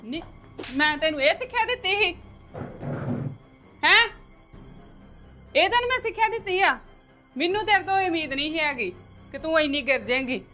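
A woman's voice: extremely high pitch, lively intonation, normal speed, pauses often, bright, forceful tone, faint music behind, full character voice. A woman playing a scolding middle-aged mother. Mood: shocked. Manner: pleading then scolding, emotional. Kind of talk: amateur family drama acting.

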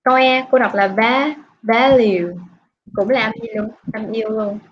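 Over a video call, a woman from Vietnam who teaches English patiently questions her online class, drawing out her prompts. Her voice is fairly high and steady, with slight background noise on the dull lo-fi audio.

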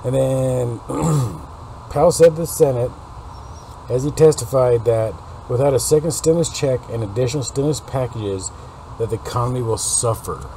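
A man in his late forties with a raspy smoker's voice, giving a casual, rambling update to viewers through a webcam. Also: mid-range voice, normal speed, mellow. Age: late 40s. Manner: rambling, informal. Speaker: video host. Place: unfinished basement room. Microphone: webcam or laptop mic at desk distance. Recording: noisy webcam recording with background hum.

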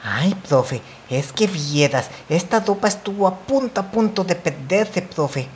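A woman voicing an excitable little boy puppet who whines and sighs "ay" constantly while talking to his teacher. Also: lowish voice, measured pace, slight background noise. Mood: explaining. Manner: whiny, breathless, full of "ay" and "profe".

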